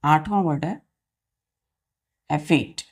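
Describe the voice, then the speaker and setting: A woman teacher with a slightly low-pitched voice drills English vocabulary for exam students. She spells each word letter by letter, repeats its meaning several times and keeps asking the children whether it is clear. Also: slow pace, darkish tone. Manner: asks the children questions and checks they follow.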